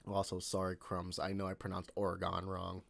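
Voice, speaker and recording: Speaking fairly quickly in a low, monotone, gravelly voice with a fairly bright tone, a young Chicago man with a local accent hosts a relaxed live stream. He rambles through viewer questions, full of fillers and false starts.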